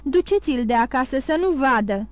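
A frantic middle-aged magistrate shouts and pleads in a strained, raised voice, as a woman reading an audiobook puts him on. He sounds anxious and desperate, calling out urgently. The sound is dry and close. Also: sits high, expressive, no echo.

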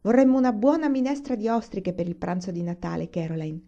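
A woman's voice: medium pitch, steady tone, a little fast, mellow, lo-fi sound, close to an everyday voice. A woman voicing a cheerful, joking pioneer father in a storybook reading, speaking in a hearty, jovial way. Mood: warm.

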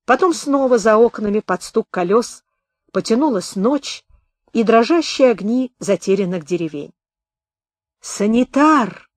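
A woman narrating a memoir audiobook in a calm, even literary reading. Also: a little high, moderate pace, no room sound, studio quality.

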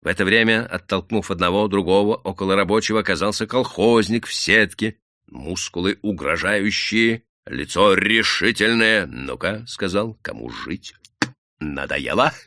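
A man narrating an audiobook with an expressive, dramatic reading. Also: fairly low pitch, dry recording, clean studio sound.

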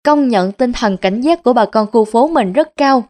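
A middle-aged woman narrating a story aloud. Her voice is fairly high. She tells it in a lively, everyday way. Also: moderate pace. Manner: lively, colloquial.

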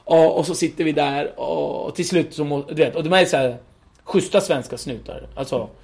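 A middle-aged man telling a story as a podcast guest, animated, acting out other people's voices and laughing often. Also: fairly high pitch, creaky.

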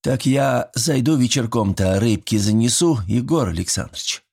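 A man's voice: medium pitch, animated, moderate pace, gravelly, a little mellow, slightly rough, voice pushed up. A man voicing a fussy, good-natured old village grandfather who talks in folksy rural speech, sighing and fretting. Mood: fretful. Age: older.

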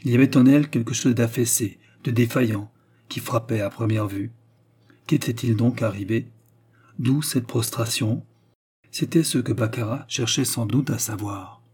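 A man reading a classic novel aloud as audiobook narration, in a measured literary manner. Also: mid-range voice, warm tone, husky.

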